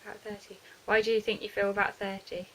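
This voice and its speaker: A woman interviewing her grandmother, asking gentle, prompting questions. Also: medium pitch, flat delivery, fast talker, a little hiss or hum, rough recording. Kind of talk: casual family interview.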